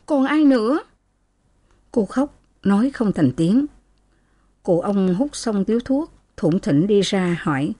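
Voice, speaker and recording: Woman, audiobook narrator, calm even reading, mellow tone, dry close sound. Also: medium pitch, unhurried, no echo.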